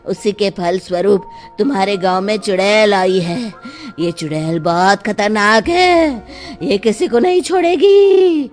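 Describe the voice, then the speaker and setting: Grave village holy man, female performer: unhurried, solemn, foreboding, horror storybook. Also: mid-range voice, animated, soft background music, natural voice. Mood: ominous. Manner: solemn, portentous pronouncements. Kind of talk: comic horror audio storybook acting.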